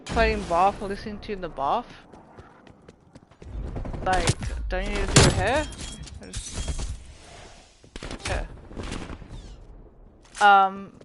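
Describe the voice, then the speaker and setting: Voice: mid-range voice, steady tone, slow, long pauses, very noisy. A tired game streamer chatting casually while playing, mumbling and rambling with plenty of swearing. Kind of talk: casual live-stream chat while gaming. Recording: gunfire from the game behind the voice.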